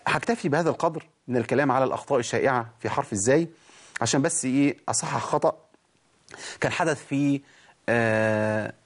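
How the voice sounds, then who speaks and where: A man with an Egyptian accent teaching Quran recitation, asking rhetorical questions and answering them himself. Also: medium pitch. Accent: Egyptian Arabic. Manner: explains with rhetorical questions, then slow drawn-out recited examples. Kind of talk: tajweed lesson.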